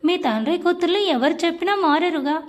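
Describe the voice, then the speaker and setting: A woman's voice: very high-pitched, animated, fairly quick. A woman reading as a nagging middle-aged mother. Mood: scolding. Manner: scolding, sarcastic.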